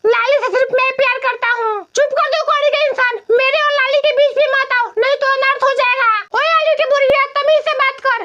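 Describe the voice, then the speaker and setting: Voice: very high-pitched, steady tone, quick pace, few pauses, bright, forceful tone, muffled recording. A performer voicing jealous male cartoon vegetables who boast and trade insults over a tomato in a comedy cartoon. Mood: pleading. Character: squeaky jealous male vegetable lovers, bickering.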